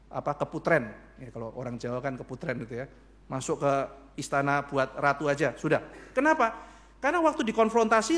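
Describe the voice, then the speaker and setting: A man's voice: fairly high pitch, a bit bright. A man pastor preaching a sermon, acting out dialogue in shifting voices.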